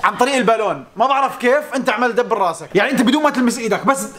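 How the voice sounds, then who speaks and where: Young Levantine-accented male, very high voice, animated and repetitive, friends chattering around him. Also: rapid-fire. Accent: Levantine Arabic. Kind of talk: casual group banter. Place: living room. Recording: group chatter behind, slightly distant.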